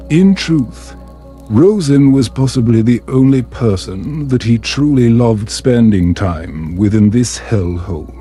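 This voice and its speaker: A man with a mid-range voice narrates a bedtime story, keeping his delivery calm, soft, soothing, and measured.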